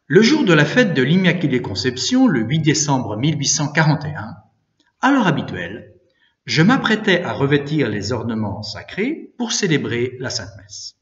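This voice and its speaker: A priest reading a religious story aloud with expressive, animated storytelling. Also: male voice, mid-range voice, normal speed. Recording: distant, echoey, dull room recording.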